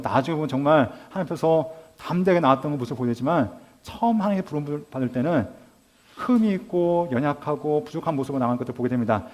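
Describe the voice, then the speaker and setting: A man teaching a Bible school class, asking his listeners rhetorical questions and acting out lively quoted dialogue. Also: a little high. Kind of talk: lecture to a class.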